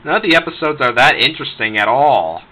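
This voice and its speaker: A man's voice: mid-range voice, expressive, quick pace, sharp tone, low-quality recording. A man giving an unscripted, rambling ranting review of shows he dislikes, with many restarts, swearing and laughs.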